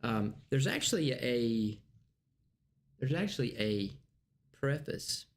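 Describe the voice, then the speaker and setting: A man teaching a church class in a conversational, halting way, with many restarts. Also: mid-range voice, expressive. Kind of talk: casual teaching.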